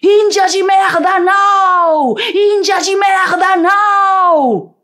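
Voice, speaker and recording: A woman voicing a frenzied, bewitched male Spanish sailor who shouts frantically. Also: very high voice, drawn-out words, voice pushed up, heavily acted. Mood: frantic.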